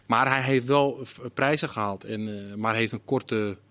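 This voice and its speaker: Middle-aged male ex-coach pundit, emphatic and animated, casual studio chat. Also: medium pitch, normal speed. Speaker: football pundit, former head coach.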